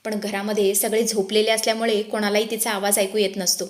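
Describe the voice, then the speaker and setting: A woman narrating a TV serial recap in a lively storytelling manner, addressing listeners as friends. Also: medium pitch, brisk.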